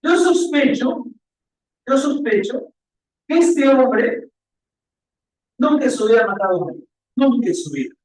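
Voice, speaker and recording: A man voicing a shrewd, talkative male police investigator who keeps urging the other to calm down. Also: very high voice, measured pace, pauses often, heavily acted. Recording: echoey room.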